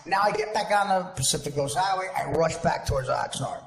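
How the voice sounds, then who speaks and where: A male comedian spins a profane, self-mocking tale for a live crowd. His voice sits high and leaps all over the place. The sound rings with long hall reverb over a steady bed of noise. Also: fairly quick, creaky. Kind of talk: stand-up storytelling to a live audience. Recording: echoey hall with background noise.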